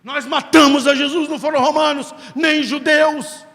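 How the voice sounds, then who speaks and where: A man delivers a sermon in a very high voice, telling a story with dramatic pauses and acting out the lines of each character. His voice carries a long reverb from a large hall. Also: steady tone, vocal fry, sharp tone. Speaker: preacher.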